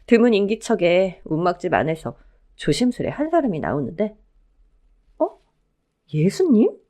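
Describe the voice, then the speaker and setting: A woman narrating a dramatic story in the first person as a widow, in an expressive, scripted storytelling manner. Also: lowish voice, brisk.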